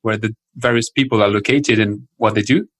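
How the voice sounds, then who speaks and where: A man's voice: fairly low pitch, fairly even intonation, brisk. A man hosting a podcast, opening the show from a script and then asking a guest polite, eagerly worded questions. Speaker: podcast host. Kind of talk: scripted intro and interview questions.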